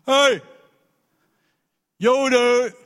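A man voicing a huge, boastful giant warrior who hurls loud taunts. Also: very high voice, fairly even intonation, drawn-out words, voice pushed up, exaggerated voice. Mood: jeering. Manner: bellowing taunts. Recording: echoey hall.

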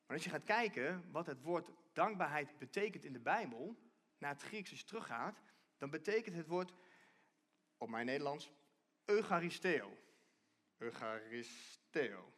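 A man's voice: a little high, expressive, normal speed, a bit bright. A man giving a conversational sermon from a church stage, often restarting and repeating himself as he explains. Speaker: preacher.

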